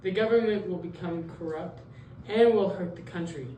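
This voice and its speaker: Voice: medium pitch, normal speed, mellow, muffled recording, close to an everyday voice. Teen kid playing an idealistic philosopher guy, hesitant, roomy far-off mic. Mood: earnest. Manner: hesitant, self-correcting. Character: male philosopher Jean-Jacques Rousseau, idealistic. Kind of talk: school role-play interview. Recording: roomy, distant mic, faint noise.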